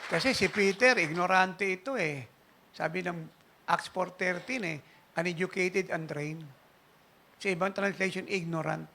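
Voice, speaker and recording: Man, preacher, storytelling sermon, high voice, gravelly, faint room noise behind. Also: a little slow, some chatter behind. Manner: animated anecdotal preaching, laughing at his own story. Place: church service.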